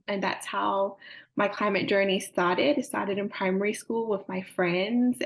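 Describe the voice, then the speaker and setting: Earnest young woman. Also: mid-range voice. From Samoa. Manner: earnest, fluent, frequent "like" and "um" fillers. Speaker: climate advocate guest. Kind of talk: interview answers.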